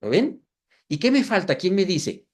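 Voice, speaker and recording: A man in his fifties runs a live webinar demonstration in a high-pitched voice at a slightly slow pace. He is lively, putting rhetorical questions to the audience and making self-deprecating asides.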